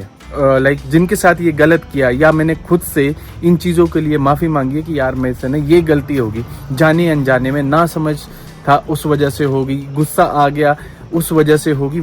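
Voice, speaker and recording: An earnest young man with a Pahari-region Hindi accent chats reflectively into his phone outdoors, repeating phrases for emphasis. His voice sits a little high for a man. Soft music plays behind him. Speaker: vlogger. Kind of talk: casual vlog talk with spiritual musing. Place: outdoors at home, yard.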